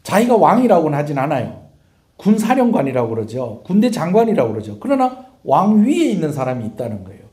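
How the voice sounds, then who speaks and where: A male pastor gives a sermon as an animated storyteller, often asking his congregation questions. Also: a little high, fast talker, roomy sound. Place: church sanctuary.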